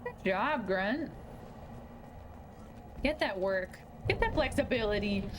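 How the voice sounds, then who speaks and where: A woman streaming a video game with chatty, casual commentary. Her voice is high and swings expressively with jittery reactions, while game noise is clearly heard behind her. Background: video game action.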